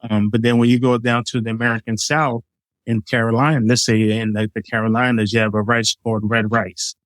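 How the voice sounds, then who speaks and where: This middle-aged Liberian man, a chef and guest, chats casually about his food, easygoing and packing in examples and fillers. He talks a little fast at a medium pitch with a level tone, recorded dry and in low quality.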